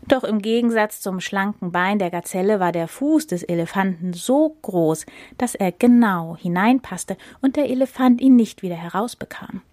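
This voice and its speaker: Woman, fairy tale reader, calm measured delivery, dry close sound. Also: medium pitch, no echo. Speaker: podcast story reader. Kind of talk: fairy tale read aloud.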